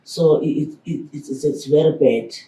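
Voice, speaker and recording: Guy, guest on a talk show, mellow earnest voice, roomy sound from a distant mic. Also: a little high, moderate pace. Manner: earnest, steady, peppered with "you know". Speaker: guest, organization founder. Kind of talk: studio talk show interview.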